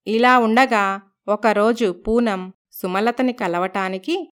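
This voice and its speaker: A woman narrating a cartoon moral story in a steady, scripted storytelling manner. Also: mid-range voice, slow, clear, resonant tone.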